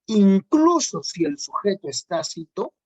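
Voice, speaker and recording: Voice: mid-range voice, big pitch swings, unhurried, a little mellow. A teacher giving a grammar lesson, repeating key points and checking in with the students. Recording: dull lo-fi recording.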